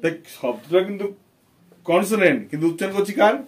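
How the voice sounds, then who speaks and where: A man's voice: high voice, animated, fast. A man teaching an English grammar lesson to children, with a Bengali accent, patiently repeating points and quizzing his students. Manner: patient, repetitive, asks students questions.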